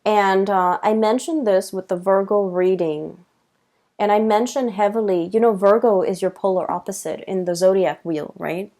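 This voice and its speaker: A woman giving a tarot reading late at night, tired and halting, with many fillers and restarts. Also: medium pitch, mellow. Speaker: tarot reader.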